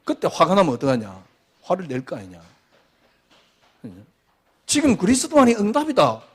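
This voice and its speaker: A male pastor delivering a sermon in a high voice that leaps up and down with great animation. He preaches with emphasis, posing rhetorical question after question. His delivery swings from near-shouts to hushed tones. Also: huge pitch swings, normal speed, slightly rough.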